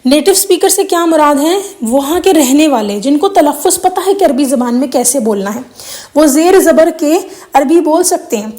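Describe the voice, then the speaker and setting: Animated and mellow, this woman's high-pitched voice carries her earnest, casual explanation of how to recite prayers correctly. The religious video host, whose first language is Urdu, uses examples and drops in English phrases for her viewers.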